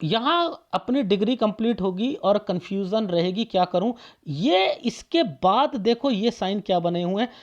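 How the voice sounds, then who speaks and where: A man's voice: high voice, expressive, measured pace, hardly any pauses, muffled recording. A man reading a palm aloud for viewers as a palmist, firing off rhetorical questions and repeating phrases for emphasis.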